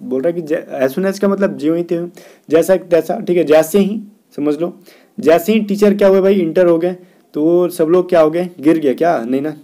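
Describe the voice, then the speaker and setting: A man teaching English grammar for an exam in Hindi, reading English sentences slowly and often checking in with "theek hai na". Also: fairly high pitch, warm tone. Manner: keeps asking "theek hai na" and "kya bhai". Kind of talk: exam-prep grammar lesson.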